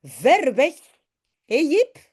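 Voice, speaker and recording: A woman voicing a timid little girl in a children's storybook, with high squealing cries. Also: big pitch swings, very slow, a little mellow, heavily acted. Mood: questioning. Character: little Dutch girl, timid and easily scared.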